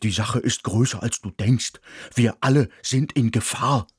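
A man's voice: mid-range voice, unhurried, husky, dry recording, clean studio sound. A man voicing a male dog who speaks earnestly and insistently. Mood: urgent.

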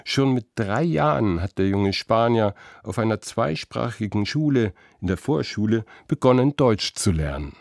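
A man narrating a news report in a steady voice-over. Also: fairly low pitch, normal speed, vocal fry, hardly any pauses, no echo, clean studio sound.

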